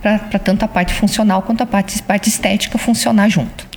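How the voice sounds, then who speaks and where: A woman's voice: medium pitch, steady tone, fairly quick, darkish tone. A woman gynecologist answering interview questions, explaining patiently and often adding tag questions.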